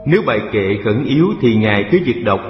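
A man's voice: lowish voice, animated, a little fast, lightly acted. A man storyteller voicing a busy, worldly rich Brahmin in his eighties, in a fireside storytelling manner. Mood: dismissive, polite. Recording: echoey hall reverb, dull sound, music behind.

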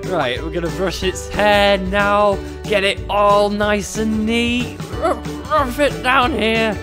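A man's voice: sits high, slow pace. A British man in his twenties doing casual, jokey, sarcastic and sweary gaming commentary for his channel. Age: 20s. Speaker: YouTube gaming host. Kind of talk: casual let's-play commentary. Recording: music behind the voice.

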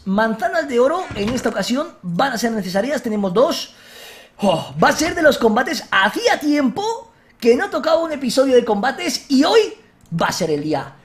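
Excitable Spanish-accented man, animated gaming commentary. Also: very high-pitched. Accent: Spain Spanish. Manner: excitable, shouts at enemies and jokes to viewers. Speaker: gaming video host. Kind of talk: let's-play commentary.

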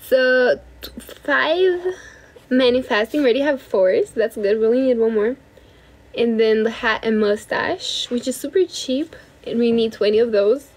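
A young Brazilian woman with a high voice runs a laid-back livestream from her bedroom, talking into a phone she holds at arm's length. She speaks at a normal pace, chatting freely with viewers, thanking them often and occasionally switching languages.

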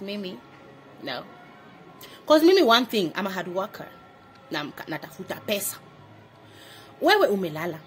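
Sassy Kenyan woman vlogging. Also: mid-range voice. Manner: mixes Swahili and English, sassy and emphatic. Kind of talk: casual storytime vlog.

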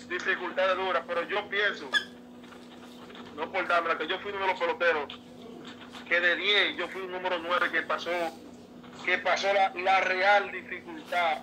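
Bright-voiced earnest man telling his story. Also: high-pitched, slight background noise, low-quality recording. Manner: emotional, repetitive, earnest. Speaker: professional baseball pitcher, interview guest. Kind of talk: casual interview, heartfelt storytelling.

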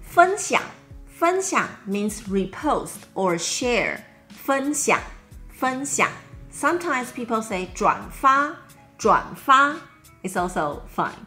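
A woman's voice: fairly high pitch, very animated, takes it slowly, pushed and bright, faint music behind. A woman in her thirties with a Taiwanese accent, a native Mandarin speaker, teaching a language lesson to camera and repeating key terms. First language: Mandarin Chinese. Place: small room at home, indoors.

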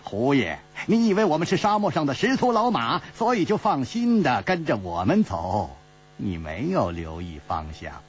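A man's voice: medium pitch, very animated, moderate pace, husky. A man doing a sly, smug warrior. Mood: sly mockery. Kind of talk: pingshu storytelling. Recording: dull lo-fi recording with mains hum.

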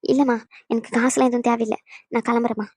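A woman's voice: a little high, flat delivery, quick pace, darkish tone, husky, no echo. A woman voicing an elderly grandmother in a cartoon, speaking steadily and reproachfully as she lectures her grown daughter. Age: older. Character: elderly grandmother, calm, firm, leaving home. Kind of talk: cartoon voice acting.

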